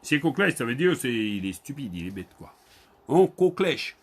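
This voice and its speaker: A man with a Guadeloupean Creole accent leads an online Creole class in a medium-pitched, sing-song, fairly bright voice. He says each word slowly more than once, spells it letter by letter, and calls on students by name.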